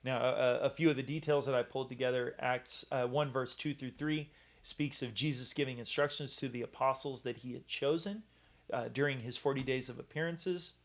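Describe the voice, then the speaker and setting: Halting man giving a Bible talk. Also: medium pitch, fairly even intonation. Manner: halting, many fillers and restarts. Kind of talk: casual Bible teaching talk.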